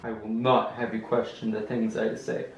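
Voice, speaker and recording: A man playing a cold, commanding Sith master who speaks in a flat, gravelly voice. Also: fairly low pitch, normal speed, slight background noise, natural voice. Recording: muffled echoey home video.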